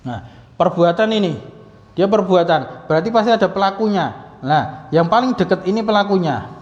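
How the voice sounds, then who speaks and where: A man's voice: high-pitched, animated, moderate pace. A man teaching an Arabic class in a mosque, explaining step by step and asking the class questions. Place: mosque hall. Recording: echoey hall, dull lo-fi sound.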